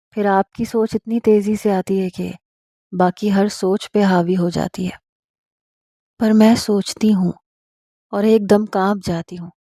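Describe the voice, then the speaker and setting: A woman reading the part of a shy, anxious married noblewoman, speaking softly and teasingly. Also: mid-range voice, dry recording, studio quality, lightly acted. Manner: soft, hushed and teasing. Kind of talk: dramatic audiobook reading.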